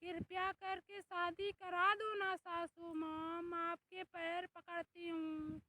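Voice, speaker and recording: A woman's voice: extremely high pitch, little pitch movement, slow pace, pushed and bright, dry recording, full character voice. A woman voicing a gluttonous, pushy male buffalo in a comic skit. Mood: brash. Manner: pushy, wheedling.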